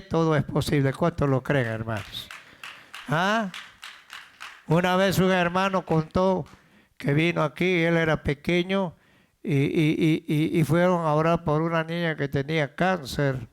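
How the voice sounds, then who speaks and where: A man's voice: fairly high pitch, clean tone. A man preaching a sermon as pastor of a church, repeating words as he builds up and calling out questions to the congregation.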